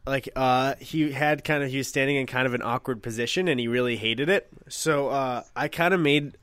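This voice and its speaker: A young man co-hosting a podcast, telling a high school story in a rambling, self-correcting way and swearing freely. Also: brisk, fairly bright tone, clear, resonant tone, dry recording. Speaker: podcast co-host. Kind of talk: casual storytelling chat.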